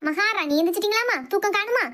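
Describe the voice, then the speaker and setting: A woman voices a cartoon character, a scolding, self-pitying older mother-in-law with a Thoothukudi Tamil accent. Her bright, forceful voice moves quickly through shrill nagging and wailing complaints.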